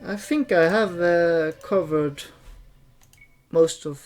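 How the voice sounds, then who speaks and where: A streamer giving an unscripted, hesitant gameplay tutorial, often pausing and repeating phrases. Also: mid-range voice. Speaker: streamer and game tutorial host.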